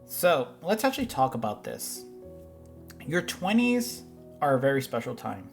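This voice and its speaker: A man's voice: medium pitch, big pitch swings, a little slow, creaky, faint music behind. Man in his thirties, casual commentary. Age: 30s. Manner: rambling, with frequent restarts and fillers. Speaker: host reacting to finance videos.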